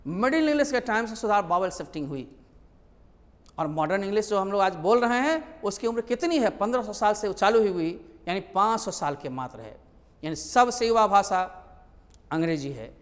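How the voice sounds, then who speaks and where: Guy teaching grammar, kinda high voice, asks himself questions, reverby room. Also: animated, moderate pace. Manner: explains by asking and answering his own questions. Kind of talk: lecture.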